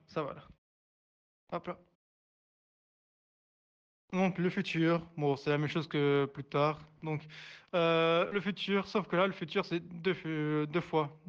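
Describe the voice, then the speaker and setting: A man leads a live online sign language class, speaking slowly in a slightly raised voice. He hesitates constantly, fills gaps with little sounds and restarts his phrases. He repeats each word patiently as he demonstrates the sign. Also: a little high, fairly even intonation. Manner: hesitant, many fillers and restarts.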